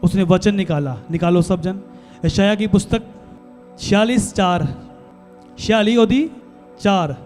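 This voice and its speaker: A pastor with a Punjabi accent preaches to his church in a high, ringing man's voice. He shifts between bold teaching and hushed voicings of worried people, with soft music faintly under him. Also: a little slow, pauses often. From India. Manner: switches between preaching and quiet acted-out quotes of worried people. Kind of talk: sermon.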